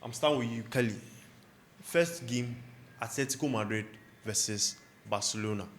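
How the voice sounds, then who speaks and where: A man's voice: medium pitch, normal speed, slight background noise. Chatty male football show host. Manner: chatty, laughing, introduces panelists. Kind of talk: casual football preview chat.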